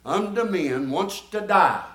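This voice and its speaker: A pastor in his seventies preaches a folksy, emphatic sermon, drawing responses from his congregation in an echoey church. His voice is high, bright, and expressive, and he speaks slowly.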